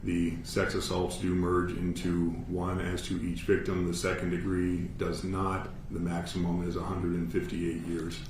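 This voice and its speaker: A man with an American accent speaking as a judge, giving a formal sentencing statement in a measured, matter-of-fact, authoritative way. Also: low voice, monotone. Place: courtroom. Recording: echoey room, distant mic, faint noise.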